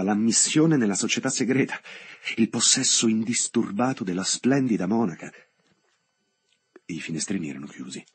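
A man narrates a literary novel in a measured, dramatic reading with long pauses. His voice sits low and sounds deeply husky and breathy. Each phrase is set apart, as in an audiobook. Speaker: audiobook reader.

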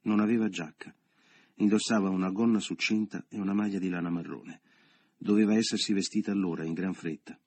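A man narrating a literary novel as an audiobook in a measured, subdued reading style. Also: low-pitched, fairly even intonation, a little mellow, husky, no echo.

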